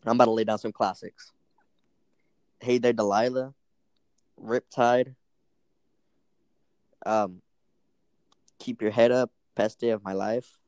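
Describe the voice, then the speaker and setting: A man's voice: mid-range voice, steady tone, slow pace, long pauses, a little mellow, dry recording. Playful slangy young man. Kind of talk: casual chat.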